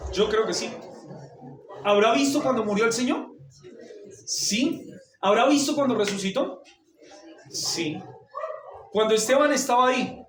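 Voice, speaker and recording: A man with a high voice preaches a sermon. He keeps asking the congregation questions and then answers them himself. The recording comes from a distance in a reverberant church hall, with some faint noise behind it. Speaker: pastor.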